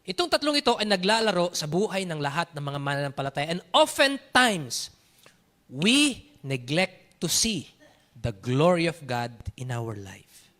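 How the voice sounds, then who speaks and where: A man with a Filipino accent preaching a sermon, animated, telling stories and switching between Tagalog and English. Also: fairly high pitch, a little slow. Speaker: pastor.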